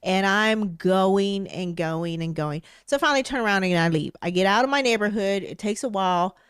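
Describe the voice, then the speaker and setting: A woman co-hosting a podcast, telling a story in casual chat, animated and swearing as she vents her exasperation. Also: medium pitch, moderate pace, clean tone, no room sound, clean studio sound. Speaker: podcast co-host.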